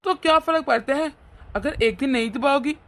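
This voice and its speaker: A woman voicing a young, easygoing husband in a cartoon, speaking softly and calmly. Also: high-pitched, moderate pace, pitched below the performer's own voice. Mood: gentle. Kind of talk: cartoon voice acting.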